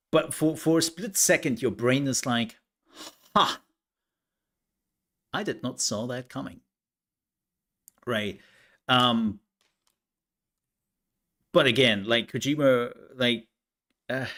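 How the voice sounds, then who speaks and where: A man's voice: mid-range voice, a bit bright. A man streaming a farming game live, chatting casually and telling a rambling story with laughs.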